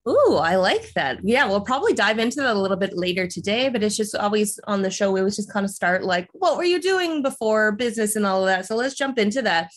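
A woman's voice: mid-range voice, very animated, quick pace, few pauses. Upbeat woman podcast co-host. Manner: upbeat, casual, lots of "like" and "kind of". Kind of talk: casual podcast interview.

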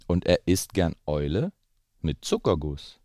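A man voicing a clever little mouse in a rhyming children's story, reciting brightly. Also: low-pitched, sing-song, measured pace, no room sound, studio quality. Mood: confident.

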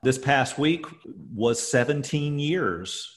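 A man co-hosting a podcast in casual chat, his voice echoing around an empty office, talking in halting, rambling stretches full of fillers. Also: medium pitch, animated. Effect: echoey sound from an empty office. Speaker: podcast co-host.

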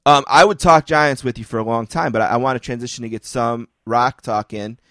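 This podcast host pokes fun at himself as he chats loosely, firing off quick asides. The sound is studio quality with no echo, and his voice is medium in pitch with a fairly bright tone.

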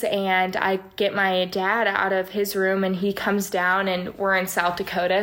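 Flat-voiced woman telling a story. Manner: flat, steady storytelling voice with few pitch swings. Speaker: interviewee recounting a paranormal experience. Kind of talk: personal storytelling in an interview.

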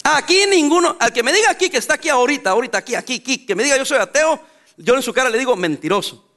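Salvadoran pastor, man, very high voice, emphatic church sermon with bursts of laughter. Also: racing. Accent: Salvadoran Spanish. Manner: emphatic preaching, mixes laughter and sudden loud outbursts.

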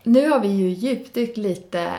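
A woman's voice: mid-range voice, dark tone. A woman interviewing a guest in a casual conversation, asking short, friendly questions.

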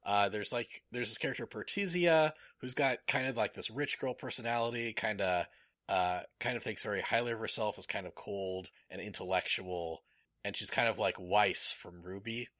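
A man's voice: on the low side, normal speed, sharp tone, dry recording, clean studio sound. A man chatting casually as a podcast host, enthusiastic and rambling, with many fillers. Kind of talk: casual chat.

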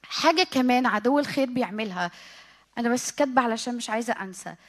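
A middle-aged woman with an Egyptian accent preaching to a youth meeting, animated, acting out her listeners' excuses and dropping to a hushed whisper when she prays. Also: a little high, very fast. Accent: Egyptian Arabic. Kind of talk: sermon.

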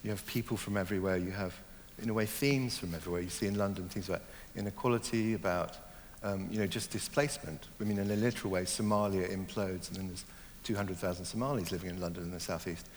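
A man's voice: low voice, steady tone, fast, hardly any pauses, big-room sound, slight background noise. Thoughtful, hesitant middle-aged man novelist. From born in Germany, raised in Hong Kong. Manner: thoughtful, hesitant, many fillers and restarts. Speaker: novelist, interview guest. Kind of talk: reflective interview conversation.

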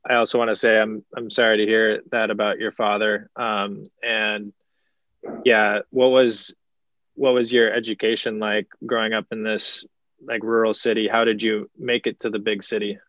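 A man's voice: fairly low pitch, no echo, highs cut off. A man hosting a podcast, talking casually with many fillers and restarts. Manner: relaxed, halting, many fillers. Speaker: podcast host.

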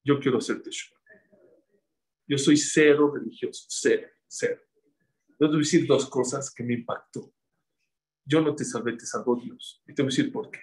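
A middle-aged man giving a religious class, telling stories in an animated way and repeating words for emphasis. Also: medium pitch, moderate pace, pauses often, poor audio. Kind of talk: sermon with storytelling.

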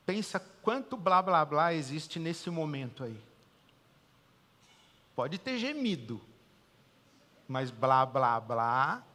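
A man with a Brazilian Portuguese accent preaching a sermon as pastor, swinging between loud emphatic declarations and quiet, hushed pauses. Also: a little high, sing-song, long reverb tail.

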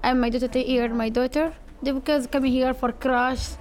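A young woman with a Sudanese accent answers informally in halting, simple, non-fluent English. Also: sits high, fairly even intonation, a little mellow. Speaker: interviewee, church community member. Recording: busy room with background chatter.

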